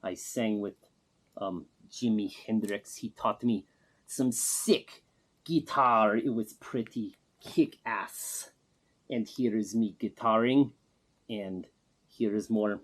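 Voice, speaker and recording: A man playing an eccentric self-proclaimed pop star with a put-on Russian accent, speaking in broken English with a deadpan, boastful manner. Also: fairly low pitch. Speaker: interviewee.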